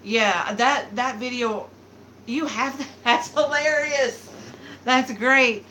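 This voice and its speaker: On a casual beauty live stream, a woman in her thirties with a light American Southern accent reads comments and rambles, filling gaps with lots of fillers. She speaks slowly in a high-leaning, pushed and bright voice. There's a little hiss or hum on the low-quality recording.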